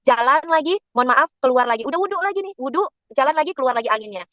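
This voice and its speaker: A woman religious teacher preaches over a webinar in a high, bright voice, racing through her words at great speed. She speaks emotionally, telling stories and turning to her listeners again and again. The close recording is dry, with no room sound. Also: animated, rapid-fire, no echo. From Indonesia. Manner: emotional, addresses listeners directly and often. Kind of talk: webinar sermon with storytelling.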